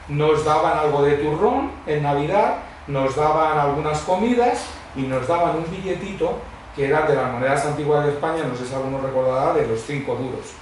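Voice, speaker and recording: With a mid-range voice, a guest preacher from Madrid, middle-aged or older, tells a congregation his personal testimony in a church hall. His manner is casual and animated, full of digressions and funny stories. The hall echoes heavily, the mic is distant, and faint noise is audible.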